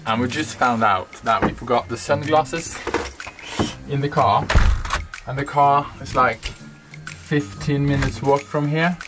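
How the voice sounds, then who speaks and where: A man's voice: mid-range voice, a little slow, over music. A young man from Norway with a Norwegian accent, chatting playfully in a casual vlog, in a cabin and out in the snowy mountains. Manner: playful, laughs often, chatty. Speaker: vlogger. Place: wooden cabin indoors, then snowy mountains outdoors.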